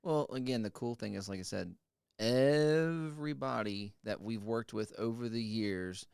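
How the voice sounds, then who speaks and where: A man's voice: medium pitch, measured pace, gravelly, darkish tone, smooth, dry recording, clean studio sound. A man co-hosting a podcast in casual chat, with a folksy, plain-spoken way of talking. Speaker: podcast co-host.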